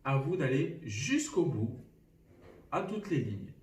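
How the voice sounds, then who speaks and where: A male teacher giving a lesson from home to young children, speaking slowly and clearly and sounding out syllables. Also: medium pitch, sing-song. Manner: slow and clearly articulated, clapping out syllables. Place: a room at home. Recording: roomy echo, somewhat far from the mic.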